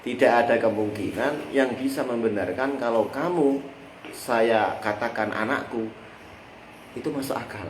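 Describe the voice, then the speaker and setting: With a Javanese accent and a medium-pitched voice, a man teaches a lesson on a classical Islamic text at a measured pace. He explains through everyday examples and draws his listeners into finishing his sentences. The recording comes from an echoey room with faint background noise.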